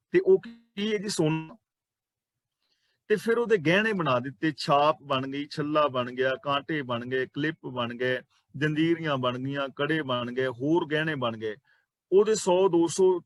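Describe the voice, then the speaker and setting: A man's voice: a little high, no echo. Punjabi man preaching with rhetorical questions. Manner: explanatory, rhetorical questions and repetition. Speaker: Sikh preacher explaining scripture. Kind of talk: sermon.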